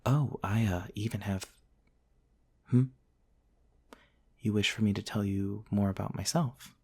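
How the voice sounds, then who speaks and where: A man voices a gentle, courtly vampire prince centuries old in a soft, intimate ASMR roleplay, tender and hesitant with old-fashioned politeness. His voice is husky and on the low side, fairly even in intonation and a little slow, and he comes across as tender and shy.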